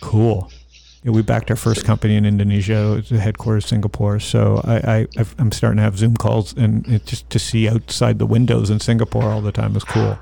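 A man's voice: fairly low pitch, completely flat delivery, a little fast, creaky, dark tone, slight background noise. A man interviewing in a casual, opinionated way, often repeating short phrases. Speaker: interviewer and investor.

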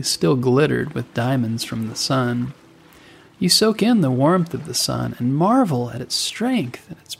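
Slow-paced man guiding a relaxation. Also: a little high, vocal fry. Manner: unhurried, soothing delivery with pauses. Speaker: guided meditation narrator. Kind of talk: scripted guided relaxation narration. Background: music bed.

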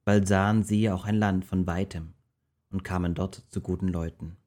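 Man, storyteller, rhymed verse reading, steady rhythm, low warm voice. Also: normal speed.

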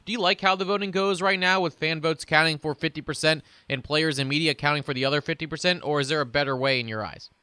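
A man's voice: on the high side, fast, hardly any pauses, bright, forceful tone, smooth, dry recording. A man hosting a sports podcast interview.

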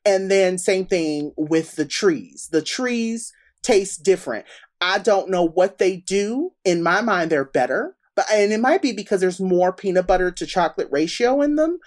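A woman's voice: medium pitch, animated, a little slow. A woman co-hosting a podcast, chatting casually and calling her friend "baby" and "girl". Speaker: podcast co-host. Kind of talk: casual chat.

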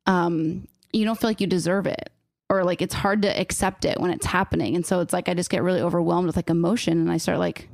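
A woman's voice: fairly low pitch, darkish tone, dry recording, clean studio sound. A woman in her thirties chatting casually, rambling and emotional, with "like" in every sentence. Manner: rambling, says "like" constantly, emotional. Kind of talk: casual chat.

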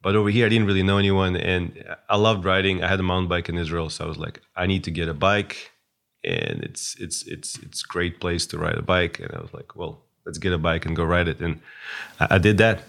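A man's voice: deep voice, brisk, gravelly, fairly bright tone. A man, a guest chatting casually and hesitantly, with many fillers and restarts. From Russia. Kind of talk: casual interview chat.

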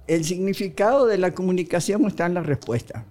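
A woman's voice: fairly low pitch, lively intonation, a little fast, darkish tone. A woman guest explaining relationship communication in a casual conversation, often asking rhetorical questions.

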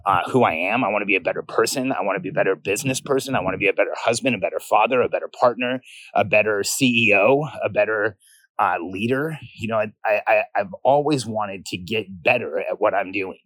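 A man's voice: fairly low pitch, quick pace, a bit bright, no room sound, rough recording. A man in his forties hosting an informal solo podcast from his backyard, speaking earnestly and repeating phrases for emphasis. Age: 40s. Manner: talking casually from a backyard. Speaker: podcast host. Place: outdoors in a backyard by a pool.

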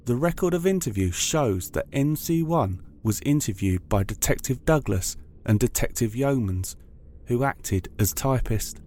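Mid-pitched man narrating true crime. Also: animated, measured pace, mellow, a little hiss or hum. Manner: formal, factual.

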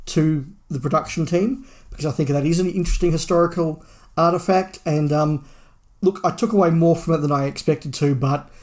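This is a fairly quick, high-leaning male voice with fairly even intonation. He's an Australian podcast co-host in his forties, casually talking through his views in discussion.

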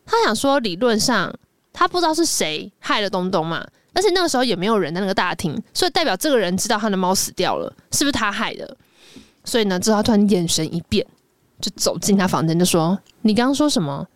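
A woman's voice: medium pitch, big pitch swings, quick pace, dry recording, clean studio sound. A woman podcast co-host with a Taiwanese Mandarin accent, casually retelling a drama plot and acting out the characters' lines. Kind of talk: casual storytelling chat.

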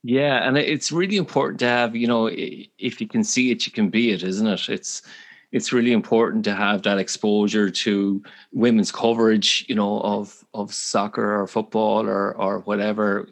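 A man's voice: fairly low pitch, fairly even intonation, moderate pace. A middle-aged man with an Irish accent, interviewing as a podcast host in hesitant, wordy phrasing.

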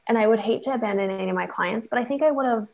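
A woman's voice: a little high, racing, gravelly, poor audio. A woman in her forties, a fashion entrepreneur, chatting candidly and self-deprecatingly as an interview guest. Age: 40s.

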